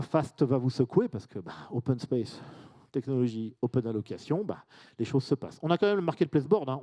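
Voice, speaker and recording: Presenting informally at a conference, a man from France talks in a conversational style full of asides and audience questions. His tone is warm and his pitch sits in the middle range.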